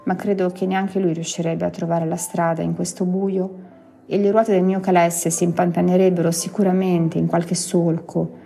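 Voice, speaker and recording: A woman's voice: fairly low pitch, level tone, moderate pace, creaky, dark tone, breathy edge, soft background music. A woman reading the part of a pompous, self-important male village priest in a story, grave and lecturing.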